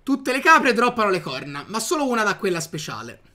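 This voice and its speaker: Guy narrating his gameplay to viewers, chatty and excitable, sharp bright tone. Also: sits high, fairly quick. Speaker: gaming youtuber. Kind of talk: casual gameplay commentary.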